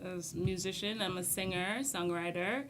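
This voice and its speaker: A Barbadian woman who is a singer-songwriter, talking as a guest in a radio interview in an animated way and laughing often. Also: fairly low pitch, moderate pace, a little hiss or hum. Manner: animated, laughs often, sings short snatches.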